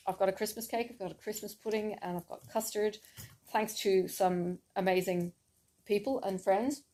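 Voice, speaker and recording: A woman chatting in a casual, rambling way and laughing often as she talks. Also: mid-range voice. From Ireland. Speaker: cross-stitch vlogger. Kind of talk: casual chat.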